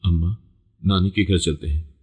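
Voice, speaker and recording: Scared young girl, read by a man, low voice, husky, storybook reading. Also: fairly even intonation, normal speed, a little mellow. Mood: tearful pleading. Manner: plainly read in the narrator's own voice. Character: young daughter, frightened, hurting girl.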